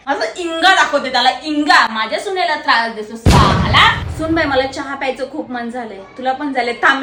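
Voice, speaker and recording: A woman playing a loud, protective, bossy but doting mother-in-law in a comic sketch. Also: high-pitched, echoey room, slight background noise.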